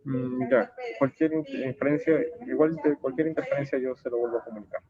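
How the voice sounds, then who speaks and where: A man's voice: medium pitch, a crowd in the background. A man moderating an online event, speaking politely and a bit hurriedly over a muffled, distant call connection. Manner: polite, hurried, formal address. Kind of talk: brief technical check with the speaker. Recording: dull lo-fi video-call audio from afar.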